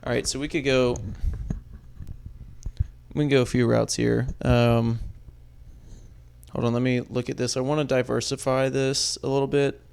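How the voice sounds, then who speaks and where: A young man co-hosts a podcast in loose, casual chat, hesitating and trailing off as he thinks aloud. His voice carries a gravelly fry yet stays smooth and resonant underneath. He sits at a middle pitch for a man. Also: flat delivery, normal speed, pauses often, darkish tone. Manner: hesitant, trailing off, lots of fillers. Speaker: podcast co-host.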